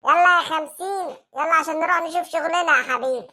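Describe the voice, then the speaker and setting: Brief: performer as a cocky cartoon street boss with an Egyptian accent, very high and sharp-toned. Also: fast. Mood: bossy. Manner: swaggering, ordering others around. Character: bossy male street gang boss, loud and boastful. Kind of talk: comic cartoon acting.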